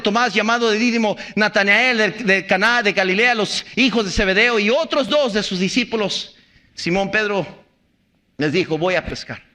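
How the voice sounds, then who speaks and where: A man, a pastor preaching an impassioned sermon, hammering rhetorical questions and at times shouting. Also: high-pitched.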